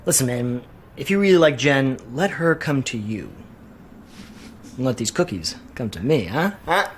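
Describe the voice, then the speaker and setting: A man's voice: medium pitch, big pitch swings, moderate pace, a little hiss or hum, lightly acted. A man playing an opinionated, wry young buddy in a sitcom, lecturing his friend. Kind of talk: sitcom acting.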